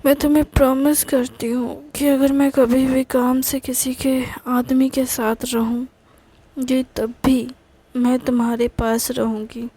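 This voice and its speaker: A woman voicing a tender young woman who soothes her partner in a romantic audio story, speaking softly and haltingly. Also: high-pitched, flat delivery, husky, heavily acted. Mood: reassuring. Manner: soft, coaxing, halting.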